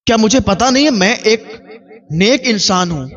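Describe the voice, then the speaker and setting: A man's voice: lively intonation, fairly bright tone. A male preacher voicing a distraught young male laborer far from home, pleading in a raised voice. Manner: pleading, pitched up. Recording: dull lo-fi recording.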